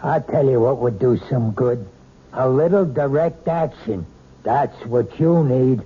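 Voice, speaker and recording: An American man playing a gruff, impatient, domineering husband in 1970s radio drama style, curt and sarcastic. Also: mid-range voice, measured pace. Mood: gruff, irritated. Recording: dull, noisy old radio broadcast.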